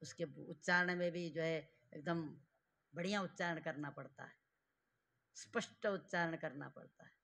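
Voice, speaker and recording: A man teaching a grammar class to students in a classroom, slowly drilling them with repeated questions and giving stern, fatherly advice. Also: a little high, vocal fry, sharp tone. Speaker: Sanskrit teacher.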